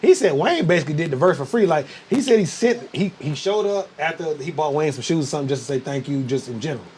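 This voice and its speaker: A man's voice: fairly high pitch, lively intonation, fast talker, darkish tone, a little hiss or hum. A man co-hosting a podcast, telling a story loosely and casually, with lots of "yeah" and profanity. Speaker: podcast co-host. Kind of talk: casual chat.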